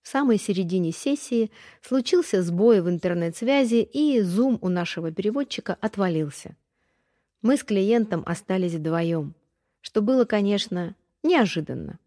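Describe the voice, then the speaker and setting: A woman coach reading her own self-help text aloud, gentle and unhurried as she guides listeners through practice steps. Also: mid-range voice, lively intonation. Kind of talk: calm scripted narration with exercises.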